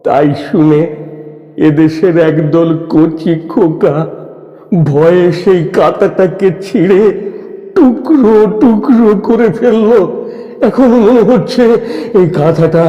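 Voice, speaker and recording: Hammy, mellow-voiced crazed stage shepherd. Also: male voice, sits high, faint music behind. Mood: impassioned, pleading. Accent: Bengali. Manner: hammy, declamatory, with repeated cries and dramatic pauses. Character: crazed, impassioned patriotic male shepherd railing at Partition. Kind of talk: hammy Bengali jatra folk-theatre stage monologue. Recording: dull, echoey hall-like stage recording.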